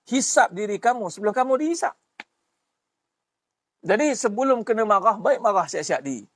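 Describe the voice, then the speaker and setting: A middle-aged man with a Malaysian Malay accent giving a casual religious talk, shifting between soft asides and sudden raised bursts. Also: high-pitched, lively intonation, normal speed, no room sound, clean studio sound. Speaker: religious teacher.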